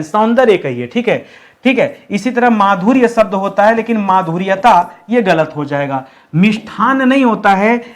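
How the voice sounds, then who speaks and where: High-voiced man teaching a lesson. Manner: explains step by step, keeps asking and answering his own questions; slows down to spell out key words. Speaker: Hindi teacher. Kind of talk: online exam-prep lesson.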